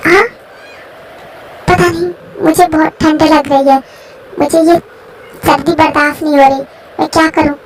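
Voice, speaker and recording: A woman's voice: sits high, steady tone, normal speed, long pauses, slight background noise, close to an everyday voice. A woman voicing a frightened, stubborn young woman in a fan story, refusing and anxious by turns. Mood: shivering.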